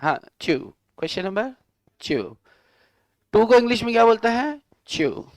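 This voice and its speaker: Male lecturer, high clear voice, dry close sound, lively teasing classroom talk. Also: measured pace, no room sound. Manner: animated, teasing, scolds students in coarse slang. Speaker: law teacher.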